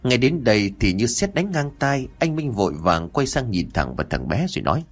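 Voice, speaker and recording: A man narrating an audio story with expressive, dramatic emphasis. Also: medium pitch, a little fast.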